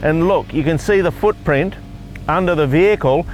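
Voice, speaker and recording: Higher-voiced blokey Australian man, teasing and casual. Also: moderate pace, faint music behind. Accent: broad Australian. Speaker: off-road vlog presenter. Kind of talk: casual chat and explanation.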